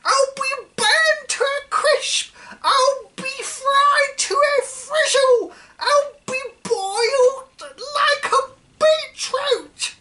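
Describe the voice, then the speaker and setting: A woman voicing a furious, cantankerous old grandmother who shrieks and yells in a shrill voice. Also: very slow, exaggerated voice. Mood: shrieking. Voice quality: shrill screeching.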